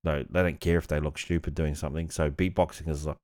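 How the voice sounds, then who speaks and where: A man's voice: extremely low pitch, little pitch movement, fast, darkish tone. A man with a New Zealand accent hosting a podcast in laid-back, slangy, sweary casual chat. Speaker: podcast host.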